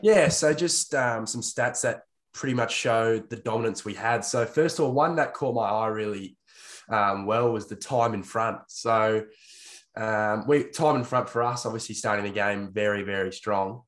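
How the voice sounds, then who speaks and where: A man's voice: lowish voice, normal speed, a bit bright. A man with an Australian accent talking casually about sport as a podcast panellist.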